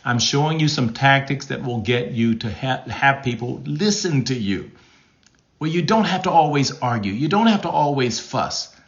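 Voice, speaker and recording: Here the man's voice sits mid-range at a moderate pace, again on a muffled recording. A pastor giving relationship guidance to a live audience, he replies to comments, mimics tones of voice for illustration, and keeps asking "okay?" in an animated way.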